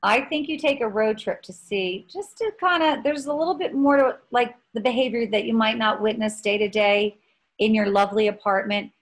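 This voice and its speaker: A woman's voice: fairly high pitch, poor audio. A woman in her fifties co-hosting a casual chat, telling stories in a rambling way with many restarts. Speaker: podcast co-host.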